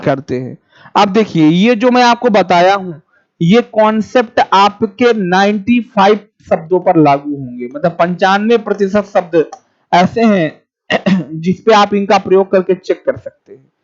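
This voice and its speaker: A man teaching an online exam class, speaking slowly and repeating key phrases for students to write down, and pausing to answer viewers' comments. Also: high-pitched, animated. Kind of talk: live-streamed exam class. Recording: dull lo-fi sound.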